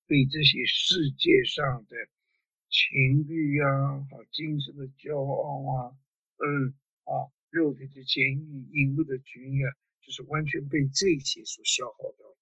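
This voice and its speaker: Husky halting male preacher. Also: medium pitch, flat delivery, pushed and bright, no room sound. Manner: halting, many fillers, rhetorical questions. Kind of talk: sermon. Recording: dull lo-fi sound.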